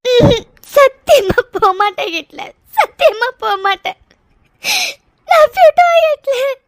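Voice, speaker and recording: A woman's voice: extremely high pitch, animated, slow pace, no echo, studio quality, heavily acted. A woman voicing a weepy, apologetic young wife. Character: remorseful young wife, sweet and clinging. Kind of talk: tearful cartoon drama voice acting.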